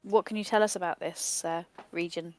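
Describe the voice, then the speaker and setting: A woman's voice: lowish voice, steady tone, fairly quick, soft background music, close to an everyday voice. A woman voicing a curious adventurer, asking eager questions.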